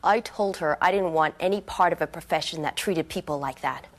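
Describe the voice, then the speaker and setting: Husky, low-voiced young woman resident, drained and strained. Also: a little fast. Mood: bitter. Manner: tired, strained. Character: worn-out young female medical resident. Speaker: medical resident.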